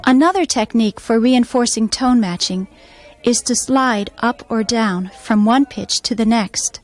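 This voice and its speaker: A woman music teacher with a slightly high voice explains her methods in a calm, measured instructional voice-over.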